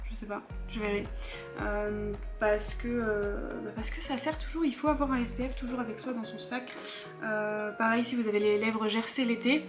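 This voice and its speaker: A young woman doing a casual beauty haul at home, chatty and rambling, a bit riled up and poking fun at herself. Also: fairly high pitch. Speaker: beauty vlogger. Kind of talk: casual haul chat to camera.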